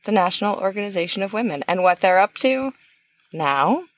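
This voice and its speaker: A woman's voice: mid-range voice, expressive, brisk. A woman co-hosting a podcast in casual chat, blunt and sarcastic, laughing often. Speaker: podcast co-host.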